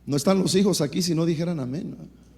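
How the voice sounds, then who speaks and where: A middle-aged man with a Mexican Spanish accent preaches a sermon in a high voice. He tells stories quickly, then rises into emphatic bursts. His voice rings out with the long reverb of a large church hall. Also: vocal fry, a little mellow. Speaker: pastor.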